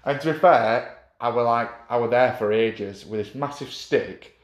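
A man's voice: mid-range voice, normal speed, roomy sound. A man, chatting casually as a club official, rambling with many fillers and restarts. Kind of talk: casual chat.

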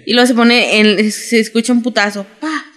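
A young adult woman with a Mexican Spanish accent, recapping a TV drama in casual, slangy, animated chat as a podcast co-host. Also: a little high, moderate pace. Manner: slangy, animated storytelling with quoted voices.

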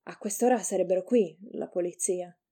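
A woman's voice: fairly low pitch, normal speed, mellow, natural voice. A woman voicing a brash, cocky young man who leads his friend, in a read-aloud story. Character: rough young man, cocky, bold ringleader.

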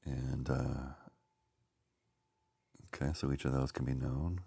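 A man musing slowly and haltingly, searching for words with many pauses and fillers. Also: a bass voice, flat delivery, vocal fry, mellow, breathy edge, dry recording. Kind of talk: rambling reflective talk.

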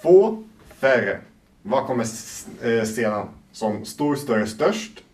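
A man's voice: mid-range voice, big pitch swings, darkish tone. Hesitant male podcast quizmaster, distant mic. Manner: hesitant, lots of eh fillers. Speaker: podcast host running a quiz. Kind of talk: casual podcast chat.

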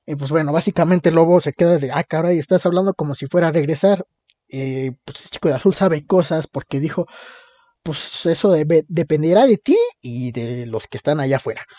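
A podcast host with a Mexican Spanish accent casually recaps a comic, retelling the plot with plenty of slang and laughter. His voice is fairly high and mellow, and he talks fairly quickly. The recording is dry.

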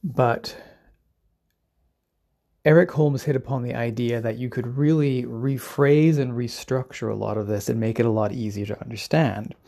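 A man's voice: medium pitch, moderate pace, vocal fry, dark tone. A man hosting a solo podcast, explaining things in an informal, discursive lecturing way. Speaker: podcast host.

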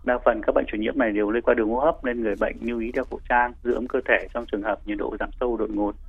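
A man giving hesitant explanations as a doctor being interviewed, pausing and repeating himself. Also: mid-range voice, fairly even intonation, vocal fry, husky, narrow, tinny audio. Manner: hesitant, with frequent pauses and repeats. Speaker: doctor, infectious disease specialist guest.

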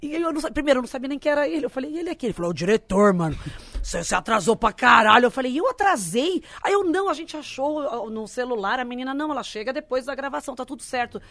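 A woman's voice: high voice, very fast, hardly any pauses, no echo. A young adult woman, a comedian telling a story in casual chat and acting out the people she quotes. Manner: animated, acts out quoted people.

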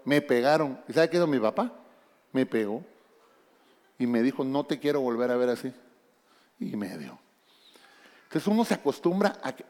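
A pastor preaches in church with animated energy, speaking straight to the congregation and often calling out to them. His voice is a little high, trailed by a long reverb.

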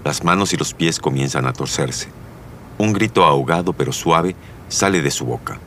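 A man narrating a drama in a measured, solemn way. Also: very deep voice, animated, fairly bright tone, a little hiss or hum.

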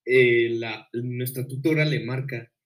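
A man's voice: mid-range voice, steady tone, slow pace. A young man with a Mexican accent in casual chat, eagerly jumping in to tell his side of the story. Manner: eager, jumps in, laughs often.

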